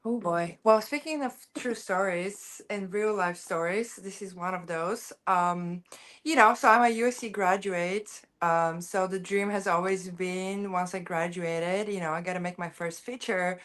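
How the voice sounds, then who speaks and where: A woman's voice: fairly low pitch, measured pace, fairly bright tone. A woman from Bulgaria, a filmmaker guest talking casually on a podcast, circling back and restarting her thoughts. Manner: chatty, circles back and restarts while explaining.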